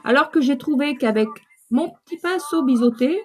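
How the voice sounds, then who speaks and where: Chatty woman in her fifties, high voice. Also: expressive, moderate pace, a little mellow. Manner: chatty, rambling, talks straight to viewers. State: runny nose. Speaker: makeup seller doing a live video. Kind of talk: casual live makeup demo.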